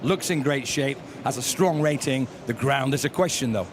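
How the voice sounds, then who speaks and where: A man giving measured opinions as a racing analyst in live pre-race discussion. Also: mid-range voice, noisy background.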